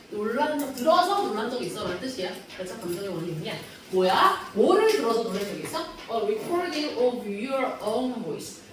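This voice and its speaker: A woman's voice: fairly high pitch, slight background noise. A woman English teacher giving a classroom lecture, asking her students question after question as she explains a reading passage. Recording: echoey room from a distance.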